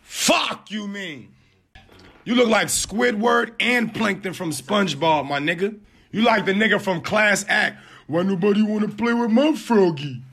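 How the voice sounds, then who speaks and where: A man firing back roast insults in an aggressive, shouting manner. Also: sits high, a little slow, breathy edge.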